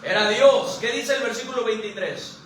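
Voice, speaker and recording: A pastor with a very high, bright voice preaches a sermon, leaning on scripture readings and turning to the congregation with questions. His voice rings around a very echoey church hall, picked up from some distance with faint noise underneath. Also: moderate pace. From Mexico. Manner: preaches with many questions to the congregation, tag "¿verdad?"; reads scripture aloud with emphasis. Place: church sanctuary.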